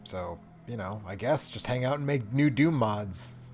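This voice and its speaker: A man's voice: mid-range voice, lively intonation, a little slow. A man co-hosting a live stream, chatting casually in a wry, self-mocking way, often trailing off mid-sentence. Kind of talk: casual chat while watching a live stream.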